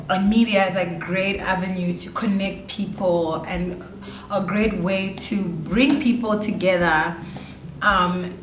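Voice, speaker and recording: A woman's voice: mid-range voice, slight background noise. A woman from Zambia and Tanzania answering interview questions in a rambling way, full of "like" and restarts. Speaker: guest in film and media. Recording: echoey room with faint music.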